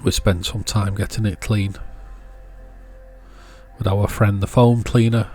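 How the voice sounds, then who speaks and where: Soft music sits under this repair video, where the electronics channel's host talks casually through the hands-on work, thinking out loud. He speaks unhurriedly in a dark, low-leaning voice that barely shifts in pitch.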